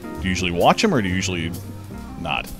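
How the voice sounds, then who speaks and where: Male interviewer, brisk and friendly, quick low voice. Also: very animated, over music. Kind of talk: casual interview.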